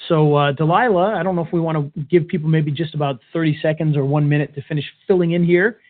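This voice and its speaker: Upbeat joking man, slightly high voice, casual webinar co-host, thin telephone-like webcam sound. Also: fairly even intonation, fast talker. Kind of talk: casual, informal presentation chat. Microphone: webcam webinar call. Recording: tinny, phone-like band-limited webinar audio.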